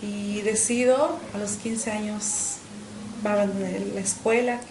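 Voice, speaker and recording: A middle-aged woman, giving an earnest personal faith testimony in an interview, often pausing on "este" and repeating words. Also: medium pitch, steady tone, reverberant, background noise. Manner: earnest, with frequent "este" fillers and repetitions. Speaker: interview guest.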